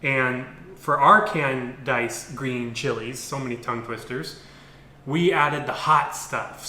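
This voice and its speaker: A man's voice: mid-range voice, pushed and bright. A man co-hosting a food challenge, chatting casually in a playful, jokey way. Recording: echoey room, faint background noise.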